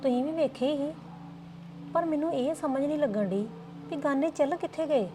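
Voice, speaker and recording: A woman's voice: high voice, normal speed. Complaining young woman, noisy room. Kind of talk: Punjabi family drama dialogue.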